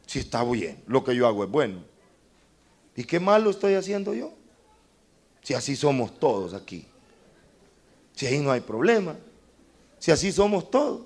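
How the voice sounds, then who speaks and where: A man's voice: sing-song, moderate pace, pauses often. A man preaching a sermon, impassioned, speaking directly to the congregation as brother and breaking into humorous asides. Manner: impassioned, with sudden leaps to high cries and humorous asides.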